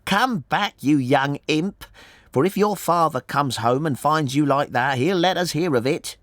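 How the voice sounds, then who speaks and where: An anxious, chatty working-class wife from a storybook, played by a man, pitched high and swinging as she talks. Her speech is colloquial and deferential, full of fretting, and the sound is close and dry. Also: big pitch swings, a little slow, dry recording, exaggerated voice. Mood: scolding. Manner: chatty, colloquial, deferential, saying sir often. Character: anxious, talkative working-class married woman, stoutish. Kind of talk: audiobook character voice.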